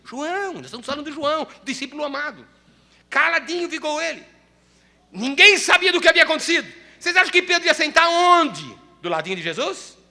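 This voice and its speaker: A male pastor preaches with lively, swooping inflection and a bright, piercing tone. He tells the story with animated energy, and his voice rings through a hall with a long reverb. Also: very high-pitched, a little fast, gravelly. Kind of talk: sermon.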